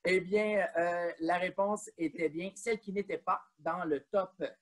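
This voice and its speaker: A man's voice: high-pitched, steady tone, measured pace. A man, co-hosting a quiz, counting down and chatting with frequent fillers. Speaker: quiz co-host.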